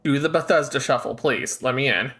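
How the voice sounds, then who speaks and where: A man casually commentating on a game live as a streamer, thinking out loud. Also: medium pitch, fairly quick. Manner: reads game text aloud, thinks out loud.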